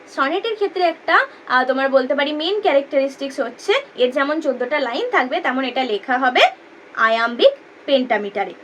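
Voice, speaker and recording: A woman gives a lesson in a high, clear voice. She explains patiently, repeating and spelling out each key term. A faint hum sits under the recording. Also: fairly bright tone. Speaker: teacher.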